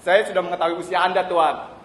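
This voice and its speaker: A man's voice: high-pitched, level tone, quick pace, fairly bright tone. An actor playing a cheerful male city official on a theatre stage, breezy and reassuring with a bureaucratic air. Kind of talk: stage play acting. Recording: roomy live stage recording.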